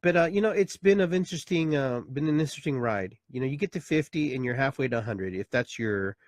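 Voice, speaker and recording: A man in his fifties, a therapist who hosts his own show, delivers a casual live talk show monologue in an expressive, mid-range voice. He talks fast, rambling and reflective with many fillers and restarts, in studio-quality sound with no echo.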